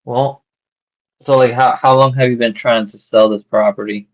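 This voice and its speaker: A man cold-calling a homeowner about buying her house, talking casually and haltingly with lots of fillers and restarts, heard over a phone line. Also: medium pitch, steady tone. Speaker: real estate wholesaler cold-calling a seller. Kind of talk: casual sales phone call. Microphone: phone call. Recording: dull lo-fi call recording.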